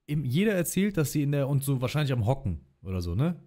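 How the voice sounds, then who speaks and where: A man's voice: mid-range voice, sing-song, quick pace, dark tone. A man talking as a guest in a casual livestream chat, telling long personal stories in slangy, chatty speech and calling the host brother.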